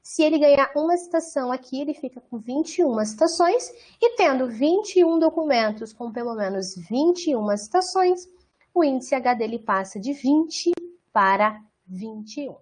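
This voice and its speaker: A Brazilian woman with a slightly high voice leads an online training session. She explains patiently and step by step. She keeps checking in with her listeners as she goes. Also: animated, normal speed, darkish tone, husky. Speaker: product trainer.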